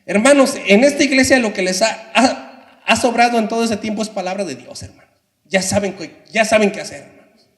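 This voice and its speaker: A man's voice: sits high, brisk, a bit bright. A male pastor preaching an impassioned sermon in a church, often addressing the congregation. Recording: echoey church hall reverb.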